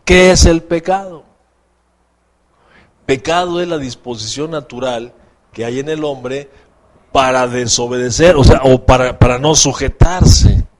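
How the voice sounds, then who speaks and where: A man's voice: mid-range voice, unhurried, long pauses. A man preaching a sermon as pastor, asking the congregation questions and acting out quoted voices.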